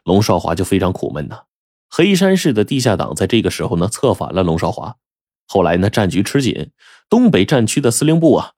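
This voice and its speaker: Male oral storyteller, low and lively, talks straight to the listener, dry close recording. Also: no echo. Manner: lively, chatty, addresses listeners with asides.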